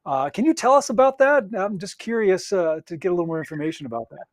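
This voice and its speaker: A man hosting an interview podcast, speaking haltingly with many fillers and restarts. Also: high voice, lively intonation. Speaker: podcast host.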